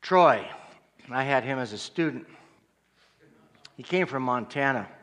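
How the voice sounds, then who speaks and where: A man's voice: medium pitch, expressive, unhurried, fairly bright tone. A man, the guest preacher, opens his talk with self-deprecating jokes and banter with the congregation.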